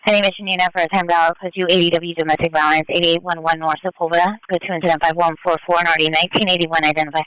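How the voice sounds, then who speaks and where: A police dispatcher giving clipped, procedural announcements over a scanner radio, repeating details in a flat, formulaic way. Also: mid-range voice, rapid-fire, few pauses, smooth, no echo, rough recording.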